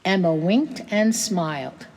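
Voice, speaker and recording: A woman reading a short story aloud in a slow, gentle manner. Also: fairly low pitch, animated, big-room sound.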